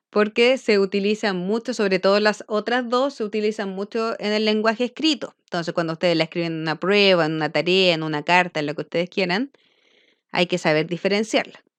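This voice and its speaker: Clear-voiced Chilean woman teacher. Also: medium pitch, no echo. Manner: patient, explanatory, checks in with "¿ya?". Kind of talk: grammar lesson for children.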